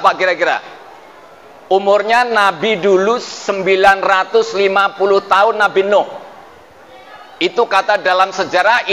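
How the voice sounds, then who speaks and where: High-voiced male preacher in an echoey hall. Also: bright, forceful tone, slight background noise. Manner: addresses listeners as Pak, asks them questions, chants Quranic verses slowly. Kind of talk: sermon. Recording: distant mic in a reverberant hall with faint ambience.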